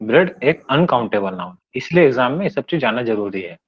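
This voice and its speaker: Male tutor at mid pitch, patiently walking students through grammar points and checking they follow; muffled recording. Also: sing-song, brisk, husky. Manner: explains step by step, checks understanding often. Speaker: English grammar teacher. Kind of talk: classroom grammar lesson. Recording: dull lo-fi recording.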